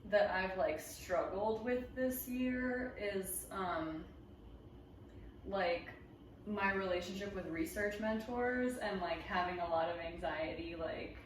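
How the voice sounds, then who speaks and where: A woman in her twenties from Los Angeles, a guest in a casual chat, talking loosely and filling pauses with "like". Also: mid-range voice, a little hiss or hum. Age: 20s. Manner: casual, full of "like", trailing off. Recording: echoey room, mic far off.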